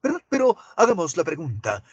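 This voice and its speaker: A man teaching an online class, asking students drawn-out questions. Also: fairly high pitch, huge pitch swings, breathy edge, dry recording, dull audio.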